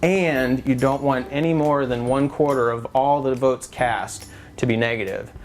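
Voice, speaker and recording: Man patiently explaining, mid-pitched. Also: fairly even intonation, normal speed, soft background music. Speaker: expert explainer, presenter. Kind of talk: semi-scripted explanatory dialogue.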